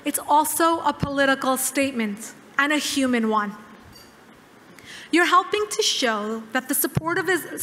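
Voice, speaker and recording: Bright-voiced woman giving a keynote. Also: high-pitched, a little hiss or hum. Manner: measured, emphatic, with dramatic pauses. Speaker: keynote speaker. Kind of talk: formal keynote speech. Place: large dark hall, at a podium. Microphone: podium microphone. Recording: hall reverb.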